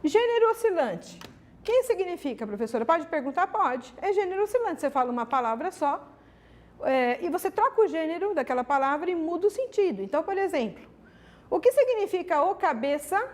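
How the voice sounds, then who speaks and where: A woman's voice: extremely high pitch, brisk. A woman teacher with a Brazilian accent giving an exam-prep grammar lesson. She asks herself her students' questions and answers them, and keeps checking with tags like "ok?". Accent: Brazilian Portuguese. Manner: lively, emphatic, many "ok?" and "né?" tags.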